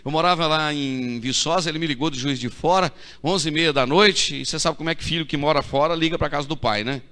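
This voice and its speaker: A middle-aged man with a deep voice, preaching a sermon as pastor, moving from quiet storytelling to loud repeated proclamations. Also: quick pace. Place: church. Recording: church hall reverb.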